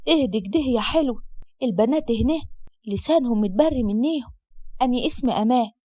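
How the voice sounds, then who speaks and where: A woman's voice: a little high, lively intonation, fast, mellow, no room sound, studio quality. A woman voicing a talkative, teasing schoolgirl friend with an Upper Egyptian accent. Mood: chatty.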